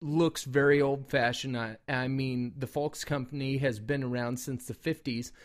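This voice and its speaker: A man's voice: medium pitch, steady tone, normal speed. A man giving a casual product review in a rambling, informal way, often correcting himself. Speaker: product reviewer and call maker.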